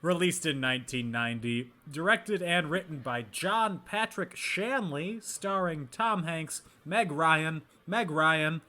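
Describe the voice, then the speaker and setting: A man hosts a podcast with a bright, sharp voice that sits a little high for a man. He teases his co-hosts with dry jokes and keeps the talk moving. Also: unhurried, few pauses. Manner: dry and teasing. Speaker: podcast host. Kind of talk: casual chat.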